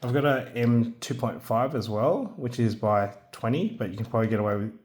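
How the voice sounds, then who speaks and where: Brisk and darkish in tone, a mid-range male voice runs through a casual hands-on demo of a handheld radio kit. The speaker, an adult with a young son, is hesitant, with frequent ums and restarts.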